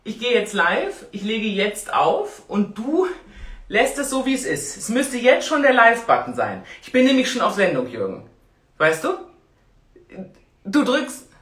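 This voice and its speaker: A woman in her forties hosting a casual live stream, chatting in an expressive, exclamatory way. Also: medium pitch, unhurried. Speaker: host of a live-stream talk show. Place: small tiled room indoors.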